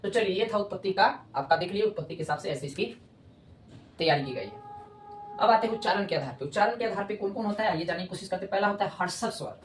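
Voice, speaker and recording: A woman's voice: mid-range voice, expressive, fast talker. A woman teaching grammar, repeating points and checking often whether students follow. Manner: repetitive, checks understanding often. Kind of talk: explanatory classroom lesson. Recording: echoey room with faint noise.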